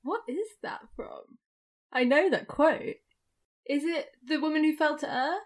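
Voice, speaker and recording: A woman's voice: sits high, a little slow. Giggly woman in a friendly quiz chat. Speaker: quiz player.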